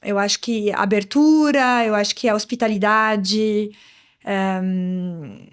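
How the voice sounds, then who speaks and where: A woman in her thirties from Morocco, an Arabic speaker, talking in a lively, chatty way as a guest in a casual interview. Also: mid-range voice, takes it slowly, smooth. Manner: lively and chatty, often adds "né".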